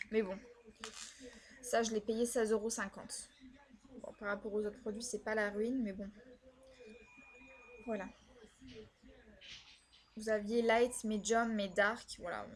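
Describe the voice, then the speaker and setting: Chatty young woman reviewing makeup. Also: on the high side. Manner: chatty, many fillers and "voilà". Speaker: beauty vlogger. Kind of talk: casual product review.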